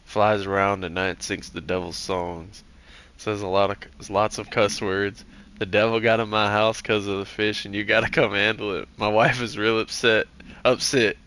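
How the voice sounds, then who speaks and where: A man's voice: lowish voice, flat delivery, normal speed, fairly bright tone, clean tone, close to an everyday voice. A man doing a folksy, worried rural letter-writer. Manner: folksy, plain-spoken. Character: superstitious rural man complaining to the governor.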